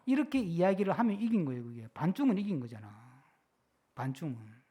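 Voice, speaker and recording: A middle-aged male pastor preaching a sermon in an animated way, often checking with the congregation. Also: a little high, brisk, husky. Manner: animated, keeps asking the congregation "yes?".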